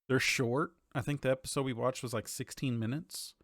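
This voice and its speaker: A podcast host in his thirties chats informally about TV and games, often thinking aloud. His mid-range voice is fairly bright with fairly even intonation at normal speed, recorded in studio quality with no room sound.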